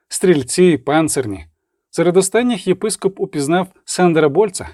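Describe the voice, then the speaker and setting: A man narrating an audiobook in a steady dramatic reading. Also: fairly high pitch, no echo, clean studio sound. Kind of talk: scripted narration.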